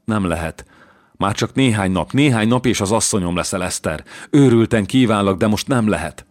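Brief: male reader doing an ardent young lover, hushed pleading, deep voice, dry close sound. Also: dry recording, natural voice. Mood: hushed urgent. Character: young Venetian man, ardent secret lover.

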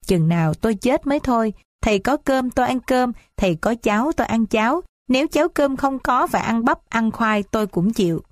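A woman's voice: on the high side, lively intonation, brisk, few pauses, dry recording, clean studio sound, close to an everyday voice. A woman voicing a devoted young mother of noble birth in a read-aloud story, pleading and heartfelt. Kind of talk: audiobook character reading.

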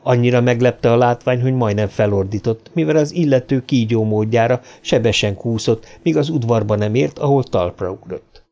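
A man narrates an audiobook at a measured, even pace. His mid-pitched voice carries the story steadily, with faint music underneath. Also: lo-fi sound. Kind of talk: scripted narration.

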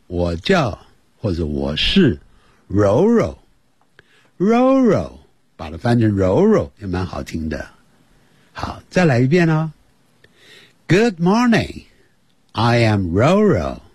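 A man teaching a slow beginner language lesson for children and parents, repeating words many times. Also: mid-range voice, a little mellow, husky, no echo. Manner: slow, drawn-out demonstration with many repetitions. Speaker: English teacher.

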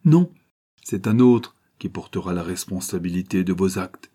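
A hostile, hot-headed stranger, put on by a male narrator hammers out his objections with scorn. The voice is pushed up from a low, dark, husky base. It is a storybook reading. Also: normal speed. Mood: angry, contemptuous.

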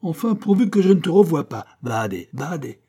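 A man voicing a furious old priest schoolmaster in an audiobook, shouting heavy-accented scolds. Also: medium pitch, unhurried, natural voice.

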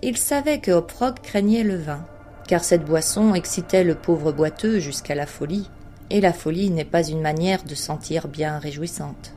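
A woman narrating a literary short story in a measured, expressive audiobook reading. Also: lowish voice, soft background music.

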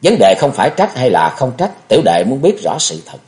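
A man's voice: medium pitch, wildly swooping pitch, brisk. A man voicing an anguished young male swordsman who pleads and cries out, in an audiobook reading. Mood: insistent. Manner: pleading, shouts in grief.

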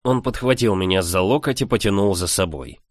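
Low-voiced man reading an audiobook. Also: fairly quick, no room sound, clean studio sound. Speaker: audiobook reader. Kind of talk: scripted first-person narration.

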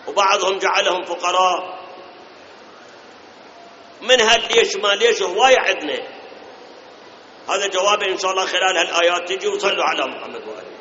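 A man with an Iraqi Arabic accent preaching a sermon. He asks his listeners rhetorical questions, speaks to them directly and chants scripture verses slowly. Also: high voice, pushed and bright. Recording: echoey hall, dull lo-fi sound, faint noise.

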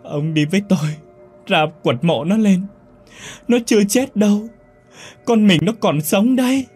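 A man's voice: medium pitch, animated, slightly rough, soft background music. Man putting on a wailing grief-struck mother. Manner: wailing, lamenting, drawn-out pleading. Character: frantic grieving mother, older wife, wailing.

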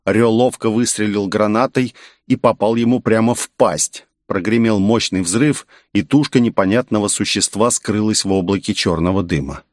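A man's voice: on the low side, moderate pace, no echo, studio quality. A man narrating a first-person fantasy audiobook in a wry, conversational way.

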